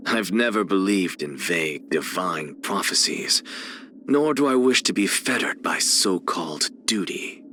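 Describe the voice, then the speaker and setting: A haughty male scholar from a video game lectures with cool, detached contempt. His fairly low voice has a crisp, forceful edge and swings theatrically in pitch as he deliberately draws out each phrase, heavily acted, with a little hiss or hum in the background.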